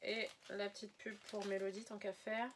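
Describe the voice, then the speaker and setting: A woman unboxing items for her viewers chats casually to camera, rambling a little and using many fillers and self-corrections. Her voice is medium-pitched and level at a moderate pace, with a little hiss or hum in the recording.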